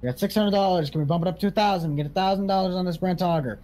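A man's voice: sits high, very fast, a little mellow, natural voice. A man playing a farm equipment auctioneer in a casual video game role-play, calling for bids and repeating prices. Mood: selling briskly.

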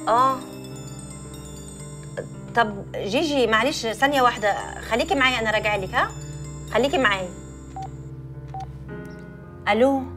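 An actress playing a calm young best friend who soothes and coaxes, speaking with an Egyptian accent. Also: female voice, fairly high pitch, normal speed, pauses often, over music, lightly acted. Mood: soothing. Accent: Egyptian Arabic. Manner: soothing, coaxing, playful. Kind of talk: Egyptian film acting.

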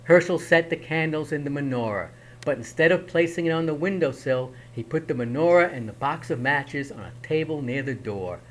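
A man reading a children's picture book aloud in an expressive, dramatic way. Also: fairly high pitch, brisk, rough recording. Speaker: storyteller.

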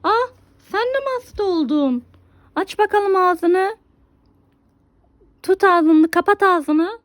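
Woman, very high pitch, coaxing, instructive, playful pretend game with a toddler. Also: takes it slowly. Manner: coaxing, instructive, exclaiming often. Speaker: mother playing with her toddler.

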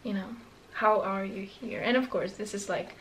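A Romanian-accented woman in her twenties chats to camera in a small bedroom, her casual talk full of fillers and restarts as she rambles. She speaks at a normal speed in a mid-range voice, and the audio is poor.

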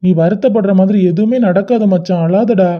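A man's voice: high voice, a little fast. A man doing a loyal, reassuring young friend. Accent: Kanyakumari Tamil. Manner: steady, reassuring. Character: loyal young male friend comforting his mate. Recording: dull lo-fi recording.

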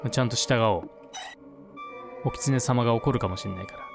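A man's voice: mid-range voice, moderate pace, creaky. A man giving casual let's play commentary, chatty with laughing asides. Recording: game music in background.

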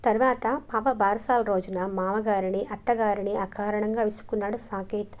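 A woman narrating a magazine short story as an audiobook, in a calm, steady reading manner. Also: mid-range voice, normal speed.

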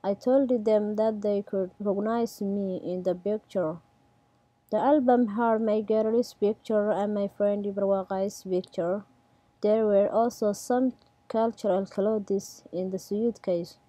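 A young Somali-accented woman reads her personal story in a plain, measured way, her English simple and non-native. Her voice is very dark and mellow, recorded dry and close with no room sound. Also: medium pitch, fairly even intonation, dry recording. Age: 20s. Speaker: immigrant storyteller. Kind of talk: read personal narration.

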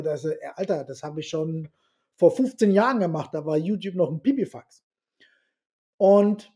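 A middle-aged man telling stories as a podcast guest, bluntly and with salty language, acting out the dialogue he quotes. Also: sits high. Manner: animated storyteller who acts out quoted dialogue; blunt and salty, swears casually. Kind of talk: casual storytelling interview.

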